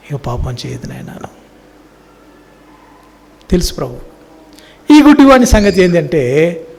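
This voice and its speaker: A man from India preaching a sermon in a prayer hall, speaking. His voice sits high for a man. He tells the story with a lot of life, speaking as its people, and moves between loud calls and quiet asides. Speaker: pastor.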